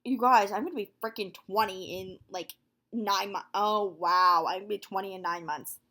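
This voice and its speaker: A nineteen-year-old woman talking casually to her viewers in a vlog, chatty and full of fillers, quick to exclaim. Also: mid-range voice. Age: young adult, nineteen. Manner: excitable, quick to gasp and exclaim. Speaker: vlogger.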